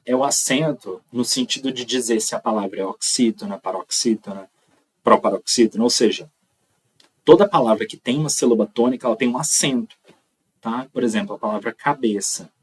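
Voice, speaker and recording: A man's voice: medium pitch, husky, far from the mic, rough recording. A man with a Brazilian accent teaching an online lecture, explaining step by step and checking in with frequent "tá?". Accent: Brazilian Portuguese.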